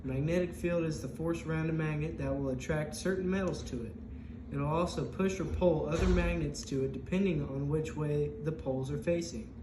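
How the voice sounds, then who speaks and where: A man with a fairly high voice gives a science explanation as a presenter. The recording is echoey, with clear noise around him. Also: fairly even intonation, brisk. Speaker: guest presenter. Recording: echoey, noisy space.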